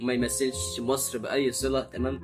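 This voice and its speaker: A young Egyptian man with an Egyptian Arabic accent, hosting his channel with animated, mocking comic reactions. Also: mid-range voice, fairly quick, music in the background. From Upper Egypt. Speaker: channel host.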